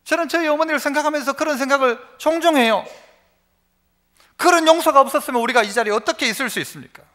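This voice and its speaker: A man's voice: extremely high pitch, fast, sharp tone. A male pastor preaching a sermon at a church service, emphatic, having the congregation repeat phrases and telling homely stories to make his point. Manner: storytelling with homely examples.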